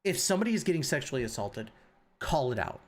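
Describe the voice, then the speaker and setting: Angry ranting male streamer, lively pitch. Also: quick pace. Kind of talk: reaction rant on stream.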